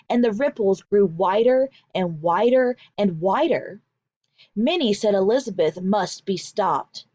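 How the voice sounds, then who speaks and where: Here a woman teacher tells a picture-book story to young kids, stressing words deliberately as she instructs. Her pitch is medium and a little mellow, and the slightly dull recording has no echo.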